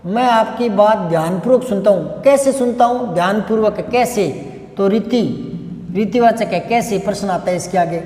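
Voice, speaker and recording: A man's voice: high-pitched, darkish tone. A male teacher giving a grammar lesson, working through each example by asking questions and answering them himself. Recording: echoey room with long reverb.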